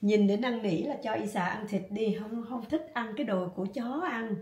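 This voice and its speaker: A woman with a Southern Vietnamese accent chatting casually in a home cooking vlog, coaxing her dog in soft tones. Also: medium pitch, normal speed, echoey room, far from the mic. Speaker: vlogger.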